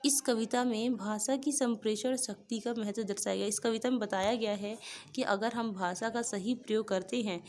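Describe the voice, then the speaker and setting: A woman's voice: on the high side, steady tone, normal speed, a little mellow. A woman explaining a school poem step by step, often restating each point in simpler words. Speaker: teacher.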